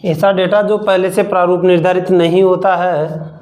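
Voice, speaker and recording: A male computer teacher, dictating a lesson slowly and repeating each phrase so students can write it down. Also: high-pitched, little pitch movement, a little mellow, poor audio. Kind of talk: slow dictation-style lesson.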